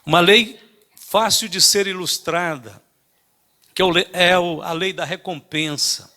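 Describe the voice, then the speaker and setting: An older man preaching a sermon, telling a story in an emphatic way with many halting restarts. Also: sits high, steady tone, sharp tone. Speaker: pastor.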